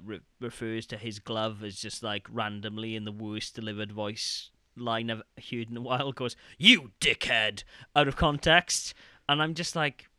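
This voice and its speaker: Young guy on a podcast rambling about a game, bright crisp voice, dry sound. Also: mid-range voice, no echo. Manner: rambling, animated, quotes game lines in mock voices. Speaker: podcast co-host. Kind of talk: casual podcast chat.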